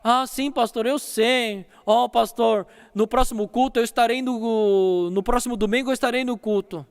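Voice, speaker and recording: A man's voice: very high-pitched, fairly even intonation, vocal fry, clear, resonant tone. A man voicing a young male churchgoer who keeps apologizing and making excuses to his pastor, quoted in a sermon in a reverberant church hall. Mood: apologetic, evasive. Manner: hurried excuses, exasperated outbursts.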